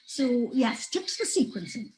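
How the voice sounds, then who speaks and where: A Trinidadian woman moderating a webinar panel, speaking warmly but firmly in quick bursts. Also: on the high side, very animated, poor audio. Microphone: video call.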